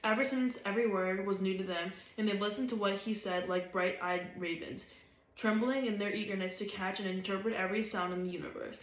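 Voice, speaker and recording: A woman reading a novel aloud, steady and even. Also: mid-range voice, fairly quick. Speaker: reader. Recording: roomy echo.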